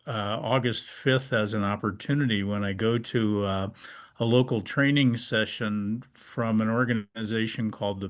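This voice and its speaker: A man's voice: medium pitch, fairly bright tone. A man facilitating an online meeting, talking in a conversational, encouraging way.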